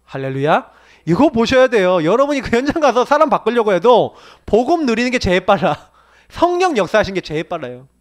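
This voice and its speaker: Male pastor, sermon delivery, high-pitched and highly animated, sudden loud-to-hushed shifts. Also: fairly quick. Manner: quotes scripture in raised declaiming voice.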